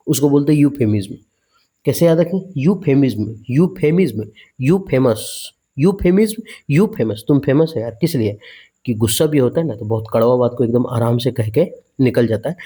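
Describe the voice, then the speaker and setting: A male coaching teacher from India with a warm, dark voice at an ordinary pitch. He talks in a casual, chatty way, chanting words over again as memory tricks and checking whether his students follow. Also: breathy edge. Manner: chatty, repeats words in mnemonic chants, asks learners questions. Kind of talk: vocabulary lesson.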